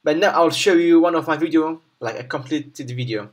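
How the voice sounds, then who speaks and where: A man presenting an unscripted screen tutorial step by step, haltingly, often repeating and rephrasing his instructions. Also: a little high.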